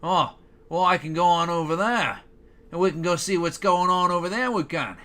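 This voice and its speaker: A man's voice: sits high, moderate pace, bright, forceful tone, pitched above the performer's own voice. A man putting on a jolly, exaggerated Australian-style voice as a joke. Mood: cheery. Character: cheery Australian-accented man.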